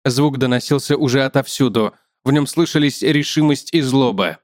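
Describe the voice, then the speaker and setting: A man narrating an audiobook story in a measured, even way. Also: medium pitch, dry recording, studio quality.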